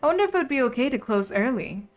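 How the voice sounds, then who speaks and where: A woman's voice: sits high, very animated, very fast. A young woman streaming a visual novel, playfully reading its narration and lines aloud. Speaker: game streamer.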